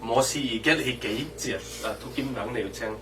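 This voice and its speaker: A man preaching a sermon with lively delivery, dropping English terms into his talk. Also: mid-range voice, quick pace, music in the background. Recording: distant mic with faint background noise.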